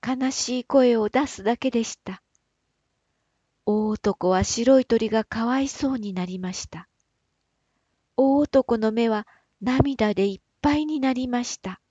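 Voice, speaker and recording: A woman reads a fairy tale aloud slowly and gently, with an unhurried storybook cadence. Her voice is mellow and breathy. The recording is dry and a bit dull, like a modest home setup. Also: on the high side, no room sound. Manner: slow, gentle, softly breathy reading. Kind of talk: storybook reading.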